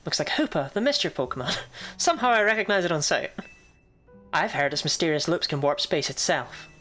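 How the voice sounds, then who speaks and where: A woman livestreaming a game, chatting casually and reading dialogue aloud, with a playful, self-deprecating, deadpan joking manner. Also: low voice, brisk, faint music behind.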